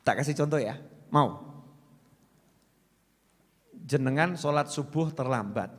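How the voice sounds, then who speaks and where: A man giving a religious lecture to a congregation, animated and questioning his listeners. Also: medium pitch, takes it slowly. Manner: animated, asks the crowd questions and acts out wife and husband. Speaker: preacher. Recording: long hall reverb.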